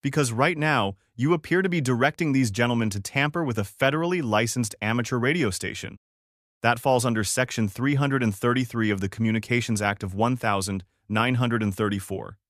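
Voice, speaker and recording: A man's voice: mid-range voice, fairly quick, fairly bright tone, dry recording, clean studio sound, close to an everyday voice. A man voicing a large, intimidating male enforcement agent who lays out the law in a stern, procedural way.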